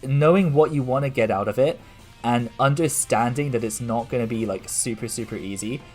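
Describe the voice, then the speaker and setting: A man's voice: medium pitch, brisk, a little mellow, faint music behind. Rambling male streamer host. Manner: rambling, many fillers and restarts. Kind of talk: casual livestream interview.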